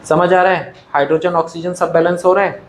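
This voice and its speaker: A man's voice: high-pitched, flat delivery, fairly quick. A male chemistry teacher giving a classroom lecture, addressing students as "beta" and asking and then answering his own questions. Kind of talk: classroom lecture in Hindi-English mix. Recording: echoey room with faint background noise.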